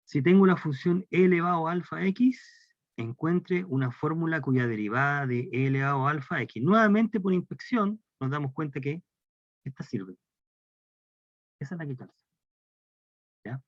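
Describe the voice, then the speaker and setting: Explaining calculus step by step with a Chilean Spanish accent, a man lectures and poses questions to the class. He has a voice on the high side, a moderate pace, and frequent pauses. It's a dry, dull lo-fi lecture recording.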